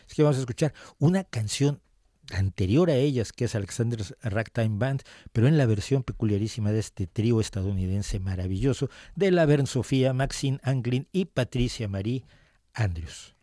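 A man's voice: medium pitch, animated, moderate pace, warm tone, no room sound, clean studio sound. A man hosting a radio music show, explaining with chatty enthusiasm.

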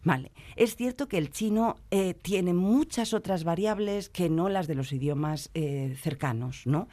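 A woman's voice: lowish voice, unhurried, mellow. A woman, a language teacher guest on a radio chat, explaining things and laughing often.

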